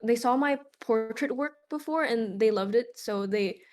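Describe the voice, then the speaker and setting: A woman's voice: a little high, moderate pace. Young Indonesian woman, chatty guest. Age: young adult. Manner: relaxed, chatty, many "like" fillers. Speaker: guest concert photographer. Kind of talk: casual interview answers.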